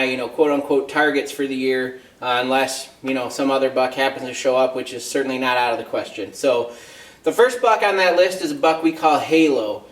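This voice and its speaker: A man's voice: on the high side, echoey room, distant mic, rough recording. A middle-aged American man talking casually to camera as a hunting vlog host, conversational and matter-of-fact.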